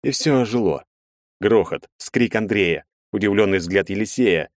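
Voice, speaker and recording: A man reading a first-person audiobook in a measured, expressive way. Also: fairly low pitch, dry recording, studio quality. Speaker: audiobook narrator.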